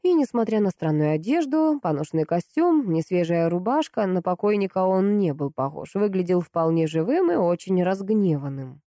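A woman reads the narration of an audiobook with an even, storytelling delivery. Her voice is mellow and warm. The recording is dry and close. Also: fairly low pitch, moderate pace, few pauses, no echo. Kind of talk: scripted narration.

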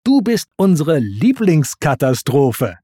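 A narrator voicing Simba, a gentle male lion cub, in a raised friendly storybook voice. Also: medium pitch, very animated, slow pace, breathy edge, no echo, clean studio sound, heavily acted. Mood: warm. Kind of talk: storybook reading.

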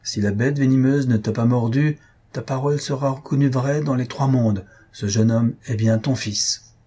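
A man voicing a stern, menacing Brahmin high priest who speaks solemnly and commandingly, in a storybook reading. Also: normal speed, warm tone, slightly rough, lightly acted.

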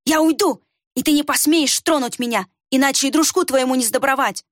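A woman's voice: high-pitched, fairly quick, no room sound, studio quality, voice pushed up, natural voice. A woman voicing a big, cowardly young village man blurting out frantic threats. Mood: panicked. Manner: frantic, desperate outbursts.

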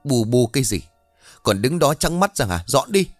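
A man voicing a bossy, spiteful old mother-in-law who shouts and hisses insults at her daughter-in-law. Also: on the low side, sing-song, fairly quick, no echo, soft background music. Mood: scolding. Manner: harsh, shouting, hissing insults.

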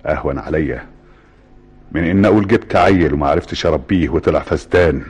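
A cold egyptian dad in a radio play, super deep husky voice, talks quick. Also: male voice, a little mellow. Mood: cold, bitter. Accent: Egyptian Arabic. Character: cold bitter middle-aged father disowning his son. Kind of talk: radio drama acting.

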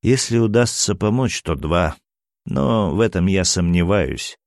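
Man doing an exasperated doctor, low voice, dry close read. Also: lively intonation, unhurried, a little mellow, no echo.

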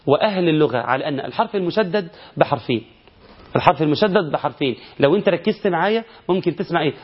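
A man with an Egyptian accent teaching Quran recitation, explaining common mistakes and chanting the verses slowly to show them. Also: on the high side. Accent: Egyptian Arabic. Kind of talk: recitation lesson. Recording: dull lo-fi recording.

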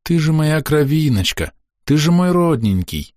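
A man's voice: mid-range voice, unhurried, dry recording, studio quality, voice pushed up, close to an everyday voice. A man voicing a tender, weary young peasant mother who coos to her baby. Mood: cooing. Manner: cooing, soft.

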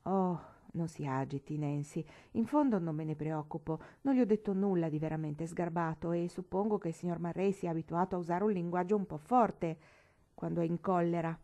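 A woman voicing a calm, kindly young male curate who speaks placidly and half in jest, in an audiobook reading. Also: lowish voice, brisk, lightly acted.

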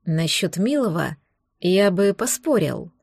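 A woman voicing a calm, dry-witted male elf, speaking low, slow and quiet in an audiobook. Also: creaky, slightly rough, no echo, heavily acted.

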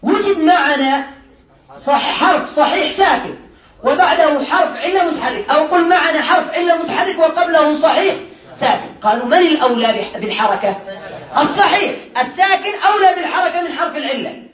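A man teaching a classroom lesson on Arabic morphology to students, drilling word patterns by repetition, quizzing them with quick questions he answers himself, and joking lightly. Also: very high voice, lively intonation, fairly bright tone, echoey room. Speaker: Islamic studies teacher.

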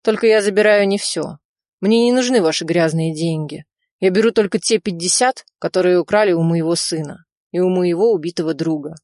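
A grim male lieutenant colonel, put on by a woman reading the story, speaks with slow, measured menace in a low voice. Every word lands flat and deliberate, and the sound is dry and close, with no room around it. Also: dry recording, close to an everyday voice.

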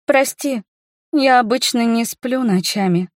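An impulsive, excitable young woman, as a woman reader puts her on, her voice pitched high and bursting with eager exclamations. She teases and insists with quick energy. The reading is recorded close and dry. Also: no echo, lightly acted. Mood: insistent. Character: lively, impulsive young woman friend, troubled by nightmares. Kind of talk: audiobook character voice.

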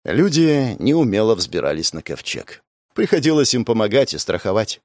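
Expressive male audiobook narrator. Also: fairly low pitch, moderate pace, no room sound, clean studio sound. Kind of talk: scripted narration.

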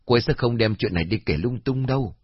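A man voicing a calm, fair-minded elderly village man who explains and reasons with the others in a storybook reading. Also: medium pitch, fast talker, husky, no room sound, natural voice. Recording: dull lo-fi.

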